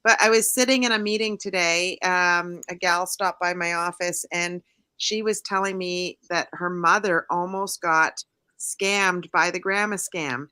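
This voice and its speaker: Bright-voiced chatty woman co-host. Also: fairly low pitch, measured pace, smooth. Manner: chatty, animated storytelling. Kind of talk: casual podcast chat.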